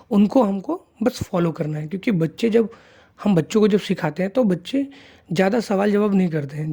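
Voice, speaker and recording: A patient man teaching an online lesson in a soft, mellow voice. He says each word slowly for listeners to copy and mixes English terms into his explanations. After nearly every phrase he stops to check that they are following. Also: sits high, husky. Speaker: language teacher.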